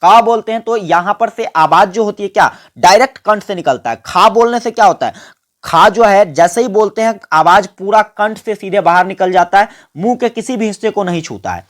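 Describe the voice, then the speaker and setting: A man's voice: high-pitched, a little fast. Male teacher who quizzes and answers himself. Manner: quizzes listeners and answers his own questions; has listeners repeat sounds with him. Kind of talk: exam-prep grammar lesson.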